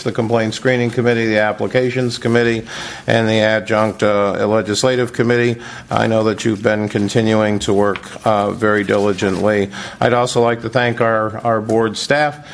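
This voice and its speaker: An American man speaking as board chairman, making formal, procedural remarks in a meeting room. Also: on the low side. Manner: official, procedural.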